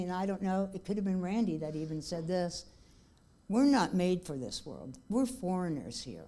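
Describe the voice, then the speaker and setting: An older woman giving a heartfelt testimony in church, slowing down on key points. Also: lowish voice, dark tone. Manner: heartfelt, slow when emphatic.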